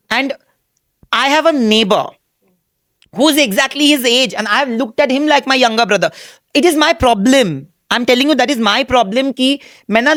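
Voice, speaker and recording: A young man answering interview questions candidly, in an animated, emphatic way, mixing Hindi and English and acting out remarks he quotes. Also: high voice, no room sound, clean studio sound. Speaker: reality show contestant as interview guest.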